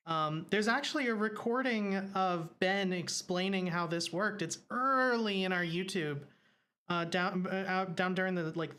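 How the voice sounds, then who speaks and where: Chatty co-host of average pitch. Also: a bit bright, clear, resonant tone. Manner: chatty, quick corrections, many fillers. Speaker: co-host and show editor. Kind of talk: casual livestream chat.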